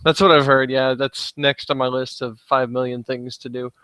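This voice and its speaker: A man's voice: mid-range voice, little pitch movement, normal speed, bright, forceful tone. A man co-hosting a podcast, chatting in an easygoing, agreeable way. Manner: easygoing, agreeable, short affirmations. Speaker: podcast co-host. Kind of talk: casual chat.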